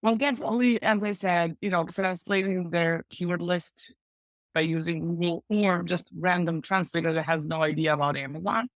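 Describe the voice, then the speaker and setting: On a podcast, a woman guest with a lowish voice hands out practical e-commerce advice, chatty and enthusiastic, tossing in "like" again and again. Her intonation stays fairly even at a moderate pace, and there's no echo in this casual advice-giving interview.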